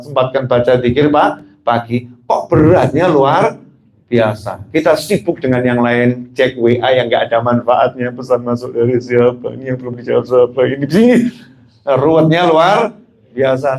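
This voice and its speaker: A man's voice: medium pitch, steady tone, moderate pace, darkish tone. A middle-aged man preaching a sermon, telling a story and joking with his congregation.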